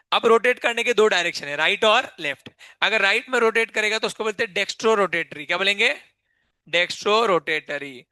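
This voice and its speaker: A man's voice: sits high, bright, forceful tone, clear, resonant tone, no echo. A male chemistry teacher giving a live class lecture, keeps quizzing students and repeating key terms back as questions.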